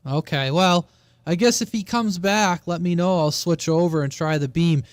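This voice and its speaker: A man's voice: on the high side, moderate pace, clear, resonant tone, dry recording. A man chatting casually and bluntly as a radio operator hosting a live channel.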